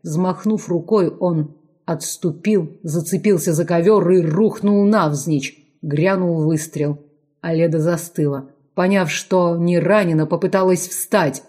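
A woman reading a dramatic audiobook narration in a measured, steady way. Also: lowish voice. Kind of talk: scripted narration.

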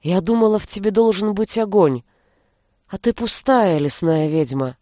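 A reader voicing a calm young woman who speaks softly and quietly, in a dry recording. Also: mid-range voice, normal speed, no echo, lightly acted. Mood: eerie. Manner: hushed, soft-spoken.

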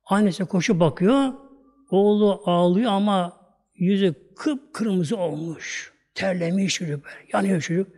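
A Turkish male preacher narrates a moral tale in a loose, spoken style and keeps repeating small filler words. His voice is fairly high for a man. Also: unhurried, darkish tone. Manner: colloquial storytelling, repeats "şimdi" and "böyle". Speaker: preacher, religious teacher. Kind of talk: religious storytelling talk.

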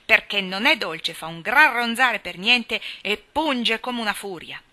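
A woman's voice: on the high side, very animated, quick pace, pushed and bright, voice pushed up, heavily acted. A woman reading aloud, voicing a jealous little boy who scolds his sweetheart in a storybook. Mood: taunting.

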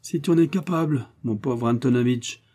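A man's voice: mid-range voice, normal speed, voice pushed up, natural voice. A man voicing a haughty, hot-tempered Russian prince who gives orders and rages in a storybook reading. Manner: imperious, shouting in fury.

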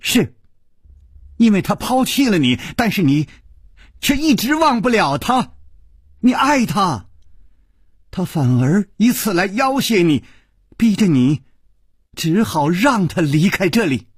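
A man's voice: high-pitched, sing-song, takes it slowly, pauses often, no echo, clean studio sound, pitched above the performer's own voice, exaggerated voice. A man putting on a coy, teasing young woman. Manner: coy, purring, slips into breathy whispers. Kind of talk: audiobook character voice.

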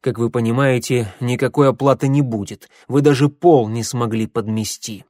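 A man's voice: mid-range voice, steady tone, moderate pace, a little mellow, no room sound, clean studio sound, natural voice. A man voicing a cold, haughty young ruler in an audiobook, curt and sneering. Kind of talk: audiobook character voice.

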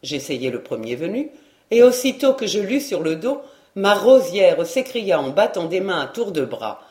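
A woman narrating a classic novel as an audiobook in a measured, expressive reading. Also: lowish voice, echoey room.

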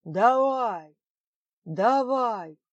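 A woman's voice: a little high, lively intonation, very slow, dry recording, highs cut off, pitched above the performer's own voice, full character voice. A woman reading a smug, dismissive male construction boss with a sneering manner.

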